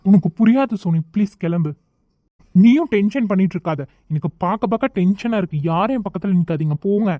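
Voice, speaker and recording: A woman's voice: on the low side, a little fast, no echo, narrow, tinny audio, lightly acted. A woman voicing a hot-tempered young male college student in an amateur audio drama, talking curtly and snapping at others to leave him alone. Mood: agitated. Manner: curt, snapping, pleading to be left alone.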